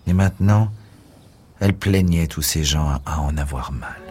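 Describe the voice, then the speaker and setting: A man hosting a literary radio show, introducing and reading classic prose aloud with lively emphasis. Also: rumbling low, moderate pace, loud music behind the voice. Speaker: radio host.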